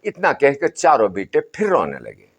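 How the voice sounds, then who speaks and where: A man narrating a folk tale in a lively, animated storytelling manner. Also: medium pitch, moderate pace, husky.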